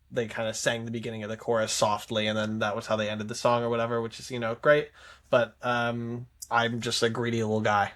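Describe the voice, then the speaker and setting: Chatty guy cohost, mid pitch, rambles on with lots of likes and ums. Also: a bit bright. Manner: chatty, rambling with fillers and tangents. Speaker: podcast co-host. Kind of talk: casual chat reviewing songs.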